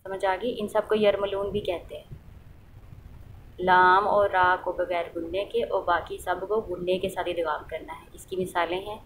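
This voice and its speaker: A woman with a voice on the low side explains a lesson at normal speed with fairly even intonation, in a low-quality recording with a little hiss or hum. Teaching the rules of Quran recitation, she patiently asks questions and answers them, reciting examples aloud to show how they sound.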